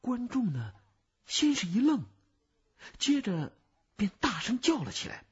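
Slow, husky man reading a story. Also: very high voice, highs cut off. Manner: slow, expressive storytelling with dramatic swings.

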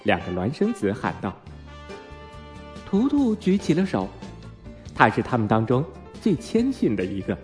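A man narrates a children's storybook slowly, with lively, rising and falling intonation. His voice sits fairly high for a man. Soft music plays faintly in the background. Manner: expressive, unhurried. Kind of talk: storybook reading.

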